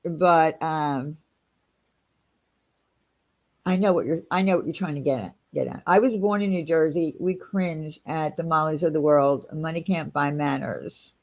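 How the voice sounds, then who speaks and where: Reading out chat on her laid-back livestream, a Long Island New York woman goes on in an indignant, rambling way packed with fillers. Her voice is low, a little slow, and darkish, and the recording sounds muffled.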